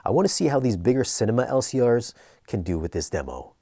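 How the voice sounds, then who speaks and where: A man narrating an equipment review in a conversational but scripted, measured, explanatory way. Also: medium pitch, very animated, dark tone, no room sound, studio quality.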